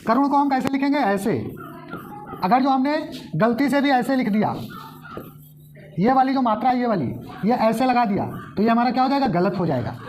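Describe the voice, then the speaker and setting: A woman's voice: a little high, normal speed, darkish tone, slight background noise. A woman teaching a lesson, who keeps asking the class questions and then answering them herself. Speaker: Hindi teacher. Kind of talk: explaining at a whiteboard.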